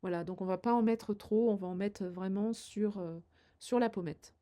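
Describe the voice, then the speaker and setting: Speaking at a normal speed in a mellow, mid-range voice, an older beauty vlogger demonstrates a makeup routine. She offers viewers friendly advice in a hesitant way, leaning on lots of fillers.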